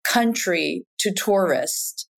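A woman's voice: on the low side, expressive, drawn-out words, creaky. A woman from Japan speaking as a podcast guest, talking in a reflective way with frequent "you know" and "in terms of". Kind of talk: casual conversation.

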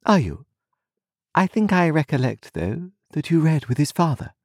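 A man's voice: fairly high pitch, very animated, moderate pace, darkish tone, breathy edge, dry recording, clean studio sound, pitched above the performer's own voice, heavily acted. A man voicing a cold, proud young woman with a disdainful, composed manner in a storybook reading. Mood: haughty.

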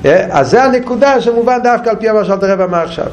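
High-voiced man teaching a Torah class. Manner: questioning, repeats himself, swings between high urgent and low quiet.

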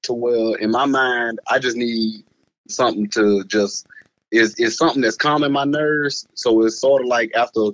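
A man's voice: mid-range voice, fairly even intonation, moderate pace, a bit bright, dry recording, highs cut off. A man, talking loosely and repeating words in a casual conversation, laughing often. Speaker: guest.

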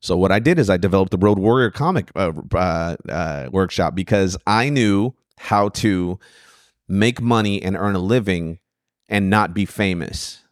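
Comedian guest, male, low voice, lively anecdotes, salty language, dry booth sound. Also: unhurried, no room sound. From Sacramento area. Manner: animated storyteller, acts out quotes, swears freely. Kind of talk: casual podcast storytelling.

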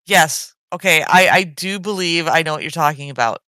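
A middle-aged woman co-hosting a podcast in casual chat, talking in an animated way with many sighs. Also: low-pitched, moderate pace, dry recording. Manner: animated, sighing, chatty. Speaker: podcast co-host.

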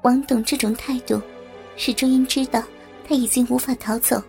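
A woman reading a story aloud as narrator, in a steady, even storytelling manner. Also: on the high side, normal speed, gravelly, soft background music.

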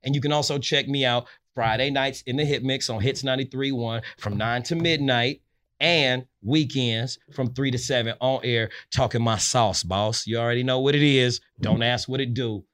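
A man's voice: mid-range voice, steady tone, normal speed, a bit bright. A man, a DJ and radio host talking casually as a podcast guest, using streetwise slang and rhythmic, hype-style self-promotion.

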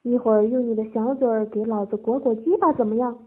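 A woman's voice: a little high, steady tone, quick pace, husky. A woman voicing a crude, domineering man who talks in a coarse, pushy way, close to her own voice. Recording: tinny phone-like lo-fi audio.

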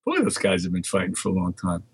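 An older man from the Netherlands, speaking as a market research guest, reads long lists of dates during a casual phone interview chat. His low, husky voice swings hugely in pitch and moves quickly, and the recording is dry.

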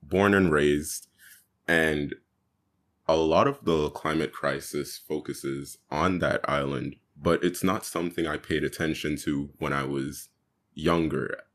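A young man from Jamaica, a guest activist, talking earnestly in an interview with pauses to think. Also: rumbling low, fairly even intonation, fairly bright tone. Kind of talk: casual interview talk.

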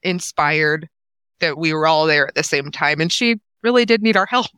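A woman in her forties tells a heartfelt story in a bright, crisp voice. She acts out each person's lines as she goes. The sound is dry and close. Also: deep voice, lively intonation, normal speed, no echo. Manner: emotional, acts out quoted dialogue. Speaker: guest, nonprofit co-founder. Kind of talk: casual conversational storytelling.

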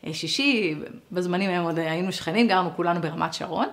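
Animated woman teaching a lesson. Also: on the low side. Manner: animated, acts out quoted dialogue; conversational, speaks straight to listeners.

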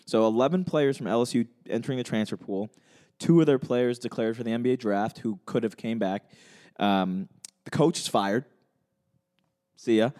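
A young man co-hosting a podcast, chatting casually about sports in a relaxed way with plenty of fillers and restarts. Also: medium pitch, normal speed. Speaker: podcast co-host.

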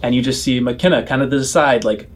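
A man's voice: mid-range voice, fast talker, a little hiss or hum. Rambling man running a tabletop game. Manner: rambling, many fillers and restarts. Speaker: game master.

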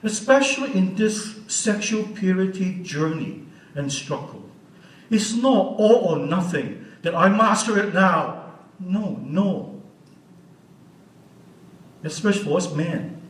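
A man's voice: high-pitched, animated, slow. Earnest sixty-year-old man in an echoey hall. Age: 60s. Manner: earnest, unscripted, asks the audience questions. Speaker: guest speaker. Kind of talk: church teaching talk. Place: church hall. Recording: roomy hall audio from a distance.

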